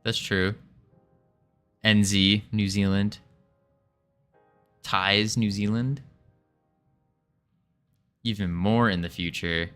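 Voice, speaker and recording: Laid-back man dev on stream, low-pitched, unhurried, greets chat between tasks, soft music behind. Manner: relaxed, chatty, greets viewers, muses while working. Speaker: indie game developer streaming. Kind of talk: casual live coding stream, thinking aloud.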